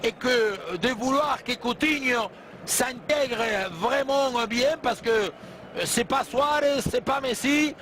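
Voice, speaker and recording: Extremely high-pitched, emphatic male football analyst. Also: a bit bright. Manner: emphatic, repeats and rephrases points, halting hesitations. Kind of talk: animated sports commentary, analysing plays. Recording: clear background noise.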